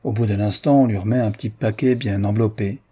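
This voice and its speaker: A man's voice: on the low side, fairly even intonation, quick pace, mellow, slightly rough. A man reading a jovial, teasing count. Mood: animated. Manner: bantering, gossipy storytelling. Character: jovial aristocratic Parisian count, teasing husband.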